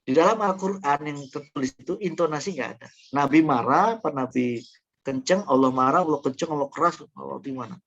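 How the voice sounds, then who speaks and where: Higher-voiced male lecturer, muffled recording. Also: a little fast, creaky. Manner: explains through examples with frequent fillers and restarts. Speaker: university lecturer. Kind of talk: classroom lecture on Quran interpretation. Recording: dull lo-fi classroom recording.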